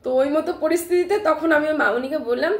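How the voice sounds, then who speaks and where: Woman live-streamer, high voice, sore throat, animated storytelling, echoey room. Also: very fast. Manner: animated, emphatic retelling with frequent "ঠিক আছে?" check-ins.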